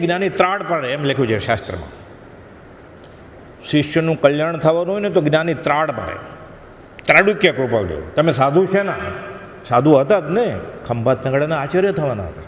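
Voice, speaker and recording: A man giving an earnest devotional discourse, admonishing his listeners and acting out short quoted prayers. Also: medium pitch. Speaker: spiritual lecturer. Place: satsang hall. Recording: long hall reverb, faint ambient noise.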